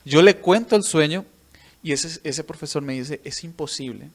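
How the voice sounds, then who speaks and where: A man's voice: on the high side, normal speed. A man, a missionary preacher and musician, telling his faith testimony in an earnest storytelling way. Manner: earnest storytelling, tags sentences with a questioning "right?". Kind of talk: personal faith testimony in an interview.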